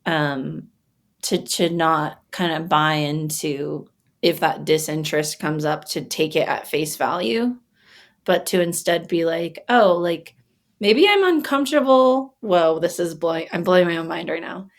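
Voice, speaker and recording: A woman's voice: deep voice, fairly even intonation, a little slow, gravelly. A woman in a casual podcast conversation, talking reflectively, searching for words with many fillers and growing emotional. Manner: gets emotional while talking. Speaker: podcast guest.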